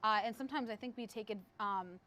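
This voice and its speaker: A woman's voice: fairly high pitch, fast talker, sharp tone. A woman hosting a local TV show, chatting casually and rambling, with frequent laughs. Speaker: TV show host previewing segments. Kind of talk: casual on-air chat.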